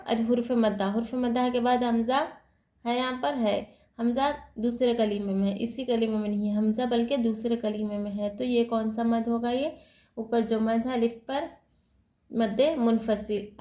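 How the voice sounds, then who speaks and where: A woman's voice: on the high side, dark tone, reverberant. A woman teaching Quran reading rules in an online lesson, explaining patiently, repeating each rule and asking and answering her own questions.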